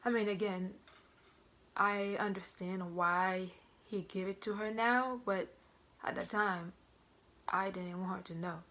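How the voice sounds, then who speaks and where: A young woman in casual story-time talk, retelling events in a chatty, animated way and acting out quoted dialogue, with features. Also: medium pitch, unhurried, pauses often. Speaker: vlogger.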